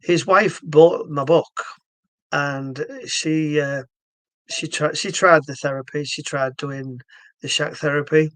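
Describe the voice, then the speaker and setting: A man from England with a Yorkshire accent describes his stroke therapy method to camera, casual yet earnest, restarting often and leaning on fillers. His fairly high, slightly bright voice keeps a fairly even intonation at a slow pace, with no room sound.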